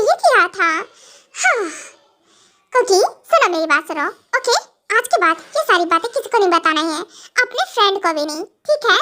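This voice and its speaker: A woman playing a stern young husband and professor in a fan audio drama. He scolds and lectures his wife in exasperation. The voice stays high and bright throughout. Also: exaggerated voice.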